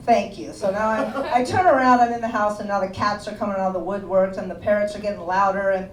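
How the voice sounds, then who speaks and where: Animated woman doing stand-up. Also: mid-range voice, fast, crowd noise. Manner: animated, laughing through lines. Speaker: stand-up comedian. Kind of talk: stand-up storytelling. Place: small comedy club stage. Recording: roomy club sound from a distance, audience laughter.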